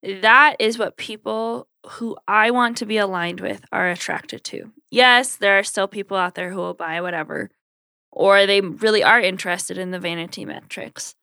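Bright-voiced woman podcasting casually. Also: mid-range voice, moderate pace, gravelly, smooth, no echo, studio quality. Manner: conversational, voices imagined quotes. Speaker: podcast host. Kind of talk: casual solo podcast talk.

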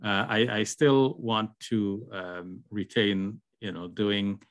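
A man's voice: lowish voice, steady tone, takes it slowly, no room sound. An older man from Guyana speaking as an interview guest over a video call, hesitant and full of fillers. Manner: hesitant, many fillers and restarts. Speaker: guest, Islamic scholar.

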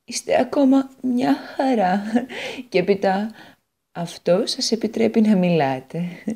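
A woman's voice: medium pitch, lively intonation, gravelly, warm tone, husky, pitched above the performer's own voice. Woman voicing a proud, sighing storybook guitar. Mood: polite. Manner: sighing and bitter. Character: proud, wistful old female guitar. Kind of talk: storybook radio reading.

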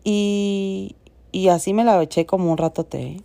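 A woman's voice: mid-range voice, fairly even intonation, measured pace, creaky, mellow. A Mexican woman in her thirties telling a personal story on her podcast, frank and chatty with casual swearing. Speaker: podcast host.

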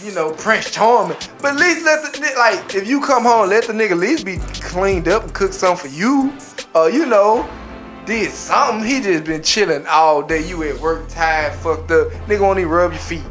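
A man holds forth on a podcast in a mid-range voice. He tells stories with big energy and swings his pitch up high when he quotes people. Faint music runs underneath. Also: normal speed. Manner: animated storytelling, jumps high for quoted exclamations. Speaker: podcast co-host. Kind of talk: casual podcast chat.

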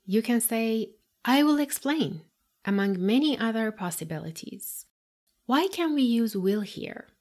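A woman's voice: mid-range voice, darkish tone. Woman teacher guiding listeners with questions. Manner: addresses listener directly with guiding questions and pauses. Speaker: English teacher and podcast host. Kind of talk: scripted podcast lesson.

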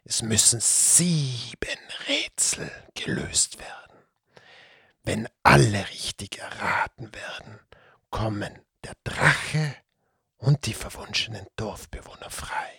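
Storybook creature: sly hissing serpent with a cat's head, slow gravelly whisper, dry close sound; a man voices it. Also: lowish voice, expressive, bright, forceful tone, dry recording, exaggerated voice. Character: sly whispering male Tatzelwurm, cat-headed serpent.

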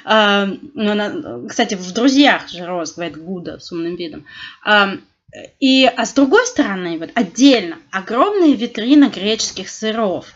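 A middle-aged woman chatting casually with a friend, her voice sitting in a plain middle pitch. She tells things with animated energy, full of fillers and little restarts. The sound is dull and lo-fi. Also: moderate pace. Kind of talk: casual chat.

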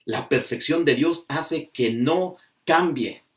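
A man preaching a sermon, slow and emphatic, stretching out key words as he drives a point home. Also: on the high side. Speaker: pastor. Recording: voice from a distance off the mic.

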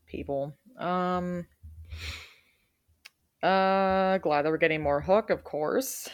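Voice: mid-range voice, fairly even intonation, slow, clean tone, no room sound, dull audio. A co-host on a casual wrestling podcast, blunt and exasperated while agreeing.

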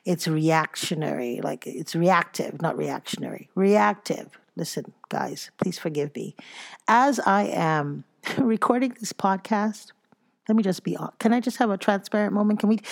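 A woman from Nigeria hosting a solo podcast, earnest and reflective, with a gravelly, fry-edged voice pitched on the low side. She sounds tired after exercise and turns to self-mocking storytelling between her points. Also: normal speed. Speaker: podcast host. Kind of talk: casual solo podcast monologue.

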